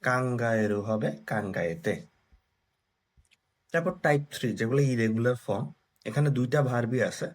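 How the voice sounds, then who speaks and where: A man's voice: medium pitch, moderate pace, long pauses. A young man teaching a language grammar lesson in short, broken phrases, often checking that listeners follow.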